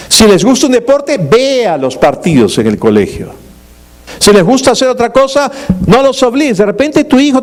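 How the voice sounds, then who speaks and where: A man's voice: extremely high pitch, darkish tone. A middle-aged male pastor delivering a sermon in a conversational way, with humorous asides and frequent rhetorical questions.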